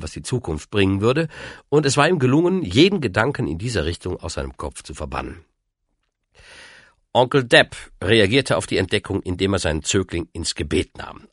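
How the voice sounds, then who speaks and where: A man's voice: low voice, a little fast, no room sound, studio quality. Man narrating an audiobook expressively. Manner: expressive, lively storytelling.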